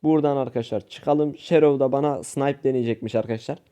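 A young man commenting live on his own gameplay for his channel, animated, talking to viewers and shouting at teammates. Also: mid-range voice, quick pace, clean tone. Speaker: gaming youtuber.

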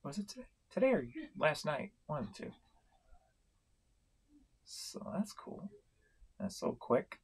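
A middle-aged man from St. Louis, Missouri, giving a casual vlog update on his online reselling, talking in a slow, rambling way with many fillers and restarts. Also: fairly high pitch, wildly swooping pitch, creaky, husky. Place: home room, indoors.

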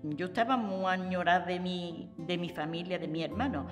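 A woman in her eighties recalls her youth in a plain, unhurried way. Guitar music plays clearly beneath her, and the room carries a lingering reverb. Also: fairly low pitch, fairly even intonation. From Andalusia, Spain. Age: 80s. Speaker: interviewee. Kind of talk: reminiscing interview. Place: living room at home.

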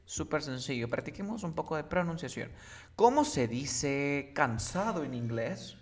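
A man teaching an English lesson, coaxing a student and drilling words slowly with exaggerated English sounds. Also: a little high, animated.

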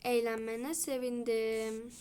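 A woman voicing a calm hairdresser mother in a toy role-play, talking in a matter-of-fact way. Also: on the high side, slow, clear, resonant tone.

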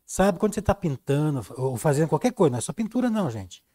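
A man's voice: fairly high pitch, big pitch swings, fast talker, warm tone. A man with a Brazilian Portuguese accent teaching painting on a live stream, chatting and telling stories while he works. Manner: chatty, storytelling, reads viewer comments.

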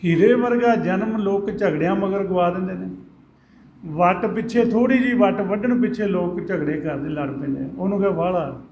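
A man preaching in a high voice, recorded in an echoey hall with a faint hum of ambience behind him. He keeps putting rhetorical questions and then answering them himself, and he stretches scripture verses into a slow chant. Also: gravelly, darkish tone. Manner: sings out scripture verses slowly. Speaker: Sikh preacher. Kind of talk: religious discourse.

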